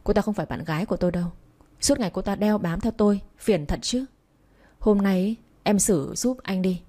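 A cold, arrogant young man, as a woman narrator reads him, snapping curt and dismissive orders. The voice is mellow and warm, at a middle pitch. He speaks as a figure in a read-aloud romance story. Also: a little fast, lightly acted. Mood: teasing.

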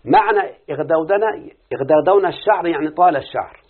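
A tinny, phone-like lo-fi recording captures an Egyptian Arabic-accented man teaching morphology, his voice a little high and husky. He quizzes the class, gets student replies, and repeats word patterns slowly.

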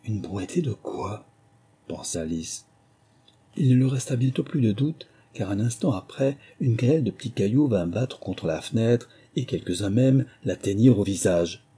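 Give me a man reading a storybook aloud, warm and a little breathy. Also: mid-range voice, normal speed, few pauses. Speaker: audiobook narrator. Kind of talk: scripted narration.

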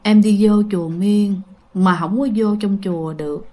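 A woman voicing an eerie young female ghost hitchhiker with a low, hollow Southern Vietnamese voice, told as a ghost story. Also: moderate pace, dark tone, close to an everyday voice.

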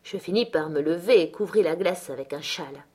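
A woman reading a novel aloud as audiobook narrator, calm and measured. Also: fairly low pitch, husky. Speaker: audiobook reader. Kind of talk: scripted narration.

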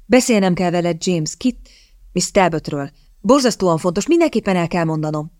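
A woman reading the part of an earnest young gentleman in love, eager and stammering. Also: lowish voice, lively intonation, dry recording, clean studio sound, close to an everyday voice.

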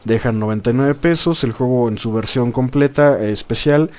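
A man hosting a podcast, chatting casually about games, animated and laughing often, with plenty of fillers. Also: medium pitch, normal speed. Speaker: podcast host. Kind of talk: casual gaming chat.

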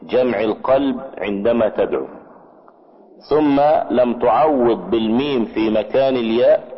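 An Egyptian man teaches a grammar class at a medium pitch, explaining patiently and pausing to check whether his students have understood. The recording sounds dull and lo-fi.

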